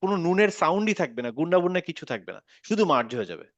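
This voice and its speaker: A man's voice: a little high, big pitch swings, racing, no echo. A man teaching a Quran recitation lesson, patiently repeating words and checking that his student follows. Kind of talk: online tajweed lesson.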